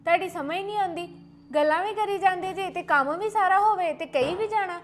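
A woman playing a sharp-tongued young sister-in-law. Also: very high-pitched, a little hiss or hum. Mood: indignant. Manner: fast, sharp and retorting. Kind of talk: family drama acting.

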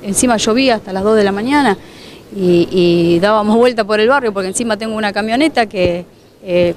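A woman's voice: fairly high pitch, slight background noise. Woman, emotional street interview. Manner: fragmented, emotional retelling with many restarts. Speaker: flood-affected resident. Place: outdoors near her home.

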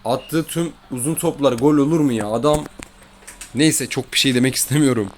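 A man's voice: mid-range voice, moderate pace, a little hiss or hum. A man giving casual commentary over his own football video game match, grumbling and exasperated about his mistakes and bad luck. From Turkey. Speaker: gaming YouTuber.

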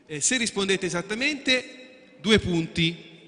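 A male quiz host speaks slowly in a high, sharp voice with lively intonation while explaining the rules to contestants at a live event. He's chatty, often repeats himself or starts over, and seeks agreement from the room, recorded in an echoey event hall.

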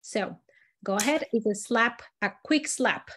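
A woman from Latin America leading a storytelling workshop, explaining exercises in an animated, demonstrative way. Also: measured pace, a little hiss or hum. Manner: animated, demonstrative, swings pitch and loudness while modeling voices. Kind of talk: teaching a live workshop.

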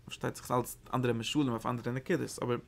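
In this lesson on mystical writings, a male Torah teacher speaks haltingly, as if searching, and repeats himself often. His gravelly voice sits in the mid range with fairly even intonation.

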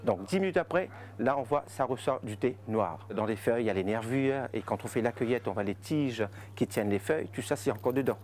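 A man guiding visitors through tea fields and a factory, explaining in halting sentences full of fillers. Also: mid-range voice, animated, darkish tone, a little hiss or hum. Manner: halting, with frequent fillers and restarts. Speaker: tea estate guide. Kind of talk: explanatory interview answers.

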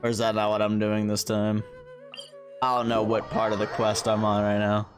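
A young American livestreamer gives casual, slangy commentary on his gameplay, musing in an offhand way. His voice sits on the low side, monotone and at a normal speed, with game music playing in his indoor webcam streaming room.

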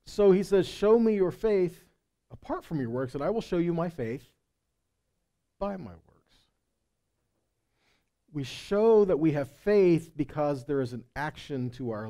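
A middle-aged preacher and Bible teacher delivers a live sermon into a headset microphone on an indoor stage in a meeting room or hall. He teaches in a conversational, emphatic way, checking in with listeners. His voice sits on the high side with a dark tone.

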